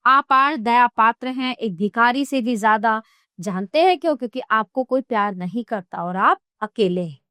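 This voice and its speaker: A woman's voice: a little high, normal speed, sharp tone, dry recording, studio quality. A woman voicing a compassionate woman singer who earnestly pleads with an emperor to give up killing.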